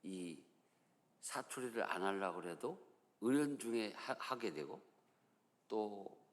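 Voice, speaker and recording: A man's voice: lowish voice, lively intonation, slow pace, in a large hall. A male pastor with a Chungcheong accent, preaching a sermon in a folksy, storytelling way in a church. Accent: Chungcheong Korean. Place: church sanctuary.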